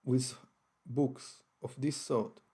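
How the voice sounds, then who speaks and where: Speaking extremely slowly and flatly, the channel host has a medium-pitched, warm, husky voice and an Israeli accent. His unscripted explanation of his views on religion is careful, marked by frequent hesitations and restarts.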